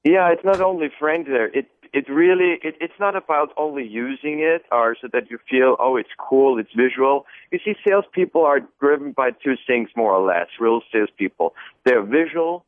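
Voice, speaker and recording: A man's voice: medium pitch, normal speed, no echo. Austrian man on a tinny phone line. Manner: long, enthusiastic answers with many fillers and restarts. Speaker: guest. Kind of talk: radio interview answers.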